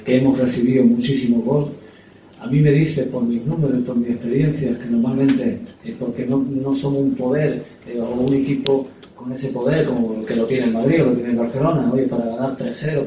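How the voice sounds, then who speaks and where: A man, a football coach, answering at a press conference in a halting way, often repeating words and filling pauses with "eh". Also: medium pitch, mellow, slight background noise. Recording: echoey room, distant mic.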